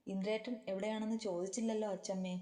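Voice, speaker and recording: A woman's voice: medium pitch, little pitch movement, fast talker, warm tone, close to an everyday voice. A woman voicing an urgent, frightened young woman breaking bad news, with a long reverb on the recording. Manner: urgent, sobbing.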